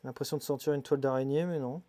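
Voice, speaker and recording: Chill guy rummaging through bug boxes on stream, low mumbly asides, dead dry sound. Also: no room sound. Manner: relaxed, muttering asides, quick bursts of excitement. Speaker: live streamer showing his isopods. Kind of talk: casual live-stream chat while handling animals.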